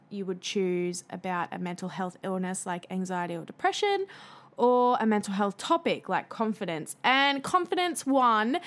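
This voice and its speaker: A woman hosts her own podcast solo, chatting in a casual, confiding way with plenty of fillers. Her medium-pitched voice is a little raspy from singing.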